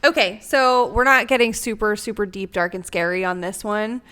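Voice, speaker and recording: A woman's voice: medium pitch, fairly even intonation, moderate pace, fairly bright tone. A young woman hosting a podcast, leading the questions in a friendly, casual way. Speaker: podcast host. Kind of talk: casual chat.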